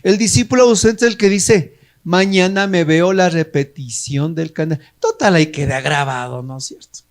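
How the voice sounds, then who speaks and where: A man's voice: a little high, moderate pace. A man preaching a sermon to a charismatic prayer group, emphatic, repeating phrases and acting out quoted dialogues.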